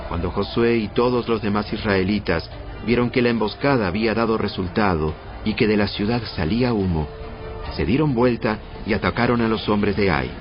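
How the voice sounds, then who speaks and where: A man narrating a dramatized audio Bible in a measured storytelling delivery. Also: lowish voice. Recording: muffled band-limited audio. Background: prominent background music.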